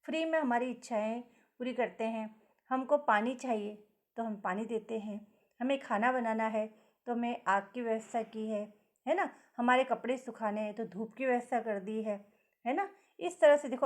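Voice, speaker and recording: A woman teacher explaining a lesson to children, reading sentences slowly and repeating them with stress on key words. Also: fairly high pitch. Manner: slow repetitive model reading with stressed words. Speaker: schoolteacher.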